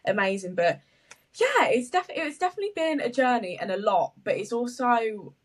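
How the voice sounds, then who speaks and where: A young adult woman from the United Kingdom, a social media marketer, chats casually and animatedly on a podcast, using lots of fillers and laughing often. Her voice is fairly high-pitched at a moderate pace, and the mic sounds distant.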